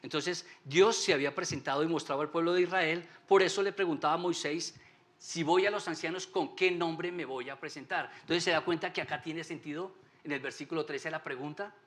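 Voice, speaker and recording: A man's voice: on the high side, brisk, fairly bright tone. A man teaching a Sunday Bible class at church, often putting rhetorical questions to his listeners. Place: church meeting room.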